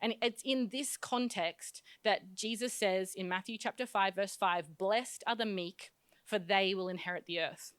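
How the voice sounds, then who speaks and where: A woman's voice: mid-range voice, unhurried, fairly bright tone, smooth, no echo. A woman pastor giving a sermon in a conversational, self-deprecating way, often restarting her phrases.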